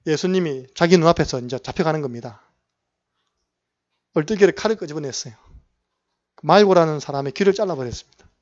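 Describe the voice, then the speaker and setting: A man's voice: a little high, darkish tone, dull audio. A male pastor with a Gyeongsang Korean accent, telling a Bible story in a sermon and often asking the congregation questions. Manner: storytelling preacher who asks the congregation questions and acts out quotes. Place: church sanctuary.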